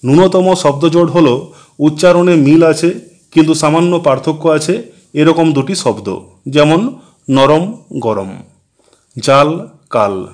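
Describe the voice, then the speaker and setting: A man narrating a scripted grammar lesson, explaining points one by one in a slow, measured way. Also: a little high, a little mellow. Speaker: teacher.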